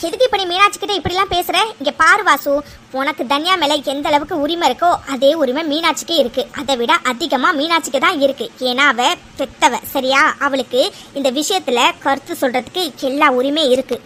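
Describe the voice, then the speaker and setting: A woman's voice: high voice, fairly quick, a bit bright. A woman voicing a stern elderly matriarch in a dubbed cartoon family drama, scolding the men firmly. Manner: scolding and firm, calls the men to order.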